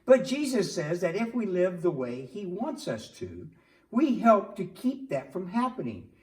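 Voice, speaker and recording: A man's voice: high-pitched, huge pitch swings, a little slow, darkish tone, heavily acted. A man voicing a cheerful male puppet friend in a church skit, patiently explaining and angling for chips. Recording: echoey room, distant mic.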